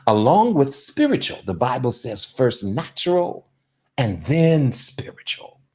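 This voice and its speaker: A man's voice: mid-range voice, very animated, a little slow, a little mellow. A man in a casual discussion, making a preachy point and asking "you see what I'm saying?" again and again.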